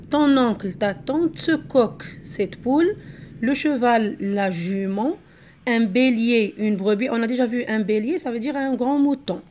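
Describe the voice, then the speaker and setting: A woman's voice: fairly high pitch, a little mellow, slight background noise. A woman teacher giving a patient grammar lesson to a class, walking through many examples.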